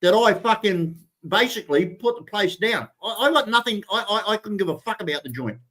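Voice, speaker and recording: A man holds forth in a casual streamed chat, voice sitting high for a man. He talks bluntly, swears freely, and trips over restarts as he makes his point. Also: animated, a little fast, fairly bright tone. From New Zealand. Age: 60s. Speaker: show co-host.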